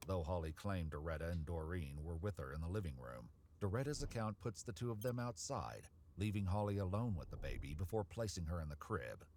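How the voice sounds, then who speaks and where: A man narrating a crime documentary from a script, his voice very low and delivered measured and even. a faint hiss runs under his words.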